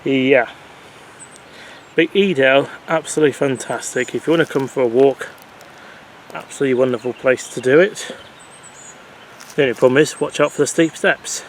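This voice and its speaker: A man talks in a chatty, rambling way to a handheld camera, his voice sitting at an ordinary middle pitch. He is outdoors, with a faint hum of wind and distant traffic under his voice. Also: normal speed, long pauses. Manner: chatty, rambling, self-correcting. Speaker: travel vlogger. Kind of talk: casual walking vlog commentary. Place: outdoors in countryside and on a rail platform. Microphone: handheld camera mic. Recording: faint outdoor background noise.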